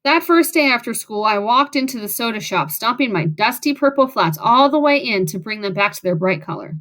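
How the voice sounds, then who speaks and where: A woman's voice: on the high side, lively intonation, a little fast, fairly bright tone. A woman reading a first-person audiobook in a wry, sarcastic way. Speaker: audiobook narrator.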